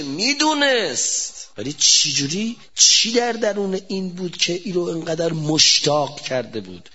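A man delivering a fervent religious sermon in a fairly high voice. He presses his listeners with rhetorical questions and speeds up or slows down abruptly. The recording sounds dull and lo-fi. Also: husky. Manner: fervent, rhetorical questions, sharp shifts of pace. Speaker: preacher.

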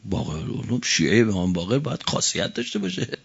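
A man's voice: fairly low pitch, very animated, vocal fry, slightly rough. Fiery male preacher, lo-fi. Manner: fiery oratory, swinging from quiet to shouting; chants Arabic quotations slowly. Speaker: cleric preacher. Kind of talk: religious sermon.

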